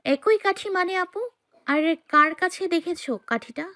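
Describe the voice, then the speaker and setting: A woman's voice: extremely high pitch, moderate pace, fairly bright tone, no echo, studio quality. A woman playing a secretive young woman who asks pointed questions in a Bengali audio drama. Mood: probing.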